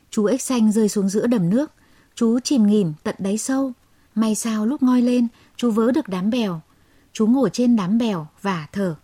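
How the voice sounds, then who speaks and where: A woman telling a children's fable in a measured, expressive way. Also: medium pitch, breathy edge, no room sound. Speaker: storyteller. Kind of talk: children's story narration.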